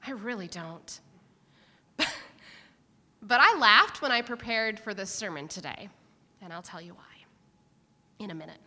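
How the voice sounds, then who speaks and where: High, lively-voiced woman preaching in a reverberant hall. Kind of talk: sermon. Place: church. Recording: long reverb of a church hall.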